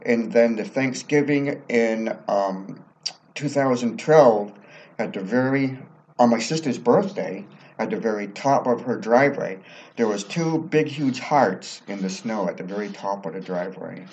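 A man's voice: fairly low pitch, unhurried, darkish tone. A man telling personal anecdotes casually as an interview guest, recorded in a basement with muffled sound. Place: library basement.

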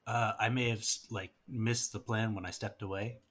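A man in a tabletop role-playing game talks hesitantly, filling gaps with ums and uhs. His voice is low-pitched and a bit husky. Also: steady tone, moderate pace, fairly bright tone. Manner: hesitant, with many fillers. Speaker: player. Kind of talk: casual tabletop game chat.

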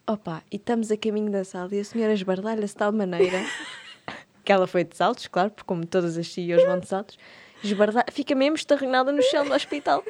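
A woman's voice: mid-range voice, steady tone, fast talker, a little mellow. A young adult woman with a European Portuguese accent telling funny anecdotes in a casual chat, laughing often and acting out the voices in her stories.

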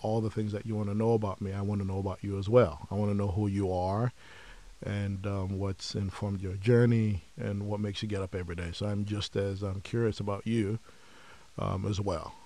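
A man from Nigeria, a podcast guest, telling his story in a measured, reflective way with frequent pauses. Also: lowish voice, little pitch movement, mellow. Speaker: podcast guest, company founder. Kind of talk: conversational interview.

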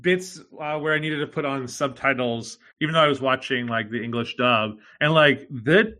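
Bright-voiced rambling young man. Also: mid-range voice, normal speed. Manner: rambling, filler-heavy, swears casually. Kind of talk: casual chat.

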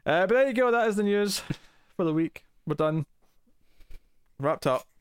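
A man's voice: high voice, lively intonation, unhurried, clean tone, no room sound, clean studio sound. A man hosting a podcast in casual chat, with lots of fillers and restarts. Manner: chatty, many fillers and restarts. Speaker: podcast host.

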